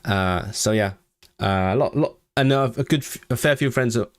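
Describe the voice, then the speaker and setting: A man from Hong Kong with a vague non-southern English accent, chatting casually on a language-learning livestream as he reads out comments, rambling, restarting words and jumping up in pitch when excited. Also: moderate pace, dry recording, clean studio sound.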